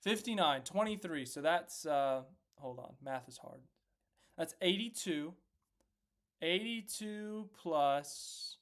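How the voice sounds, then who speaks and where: A man hosting a casual racing recap live stream, chatty and self-deprecating, reacting out loud as he works through standings on screen. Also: on the high side. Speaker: host of a racing recap livestream.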